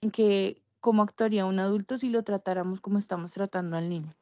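A woman's voice: mid-range voice, steady tone, fast, darkish tone, no echo, lo-fi sound. Female workshop participant on a video call, hesitant, dry sound. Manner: hesitant, repeats words while finding them. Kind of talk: sharing a comment in an online workshop.

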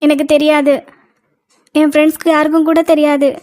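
A woman's voice: high voice, flat delivery, brisk, darkish tone, no room sound, close to an everyday voice. A woman voicing a timid scared cartoon girl. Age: young adult. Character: frightened young college woman, timid. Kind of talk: cartoon voice acting.

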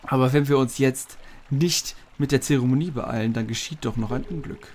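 A man's voice: medium pitch, normal speed, a little mellow, close to an everyday voice. A man reading a solemn ancient tree spirit. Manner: solemn, stately reading of game dialogue. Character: ancient wise giant tree spirit, male. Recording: game music behind voice.

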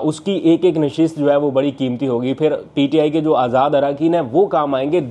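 A young Pakistani political journalist records a news vlog indoors in his living room using a lapel mic. His slightly high, mellow voice delivers earnest analysis sprinkled with frequent "uh" fillers, and he gestures with his hands as he talks.

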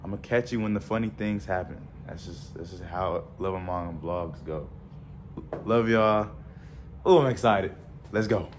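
A man's voice: low-pitched, measured pace, a little hiss or hum. A young man who runs track, talking casually to his vlog camera in a joking, slangy way. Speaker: track athlete vlogger.

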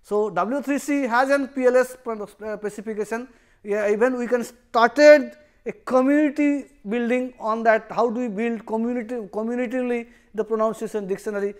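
High-voiced man lecturing. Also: fairly even intonation, normal speed, clean tone. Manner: explains step by step, repeats key phrases. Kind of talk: university lecture.

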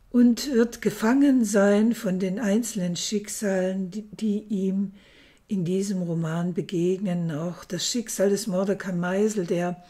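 A woman giving a thoughtful book review, speaking softly with occasional hesitations. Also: medium pitch. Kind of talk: book review with read-aloud passage.

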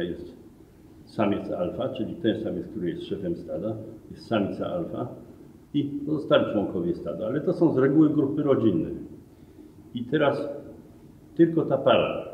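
A middle-aged man with a lowish voice explains animals as a museum guide, patiently and step by step. He stands a few meters from the camera in a museum hall, so the sound is roomy and distant. The recording is thin and phone-like, with faint noise. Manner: explanatory, with self-corrections. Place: museum hall among glass display cases. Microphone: camera a few meters away.

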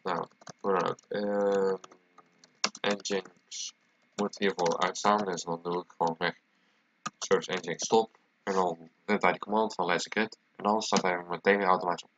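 A man with a low voice and a stuffy nose from a cold talks casually through a computer tutorial. The recording is dull and lo-fi, with clear noise and keyboard clatter behind him. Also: fairly even intonation, unhurried. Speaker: tutorial presenter. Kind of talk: casual screencast tutorial, talking while typing. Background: keyboard typing and clicking.

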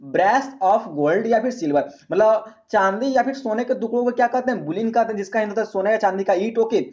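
A man's voice: sits high, a little fast, a little mellow, lo-fi sound. A man teaching English vocabulary in an exam-prep lesson, asking his students questions and repeating the answers. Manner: repetitive question-and-answer teaching, asks "friends" often.

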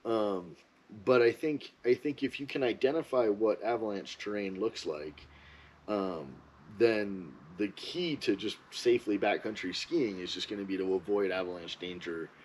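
A man's voice: lowish voice, normal speed, a little mellow, a little hiss or hum, low-quality recording. A man giving a casual, rambling, opinionated monologue as a ski vlogger.

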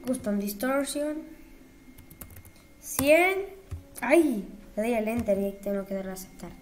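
A young woman talks her way through an editing session in a slightly high voice. She speaks slowly and breaks into flustered exclamations as things go wrong. A faint hiss sits under the recording. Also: darkish tone. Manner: chatty, talks herself through each step, flustered exclamations. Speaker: YouTuber. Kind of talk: casual commentary while editing textures.

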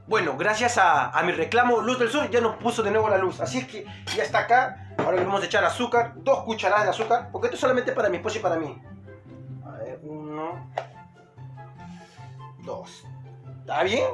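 A man's voice: high-pitched, fast, hardly any pauses, over music. A man with a Peruvian accent hosting a playful, jokey mock cooking show from his home kitchen. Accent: Peruvian Spanish. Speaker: comedic vlogger.

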